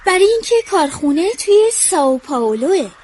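A woman's voice: very high-pitched, big pitch swings, darkish tone, slight background noise. A woman voicing a teasing older brother in a cartoon dub, mocking and bossy.

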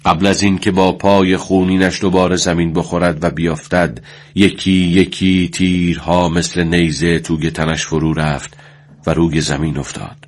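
Deep-voiced solemn male storyteller. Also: level tone. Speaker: narrator. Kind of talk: dramatic story reading.

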